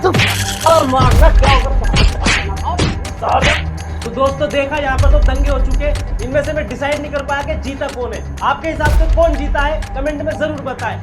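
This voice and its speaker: A man hosting a comedy podcast as a news anchor, excitable and shouting to keep the guests in line. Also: very high voice, fast talker, hardly any pauses. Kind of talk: comedy sketch. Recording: music playing behind.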